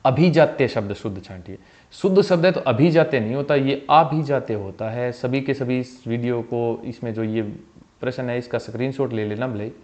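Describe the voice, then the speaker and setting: A male Hindi teacher runs an exam-prep spelling lesson, going over each word and its correct form again and again. His voice sits at a middling pitch and often sinks quietly at the end of a phrase. The recording is slightly dull and lo-fi. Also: normal speed. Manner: calls viewers "bhai", asks them questions; voice drops soft at the end of phrases.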